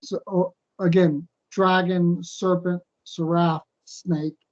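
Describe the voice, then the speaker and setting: A man teaching a weekly scripture portion, breaking off often with "um" and "uh" as he thinks aloud, and slowing into a fuller cadence when he reads a passage. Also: high-pitched, little pitch movement. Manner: halting, thinks aloud with many fillers. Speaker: Bible teacher. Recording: dull lo-fi recording.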